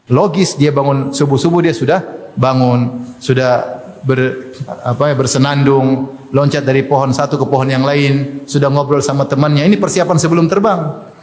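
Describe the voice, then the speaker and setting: A man preaching a sermon, lively and joking, acting out prayers. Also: mid-range voice, normal speed. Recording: echoey hall.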